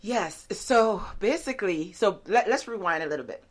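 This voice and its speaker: A woman speaks as a guest in a relaxed interview, telling her story of faith with earnest warmth. She talks in a loose, chatty way, leaning on fillers, and grows animated as she tells her stories. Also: mid-range voice, moderate pace. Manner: earnest, many fillers like "like" and "you know". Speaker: guest author. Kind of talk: conversational interview testimony.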